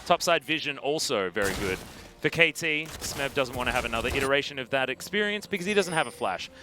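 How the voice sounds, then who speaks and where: A man with an Australian accent calling esports play-by-play, excitable and jokey. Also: mid-range voice, noisy background. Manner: excitable, jokey, fast bursts of rising calls. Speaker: esports caster. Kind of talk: play-by-play commentary.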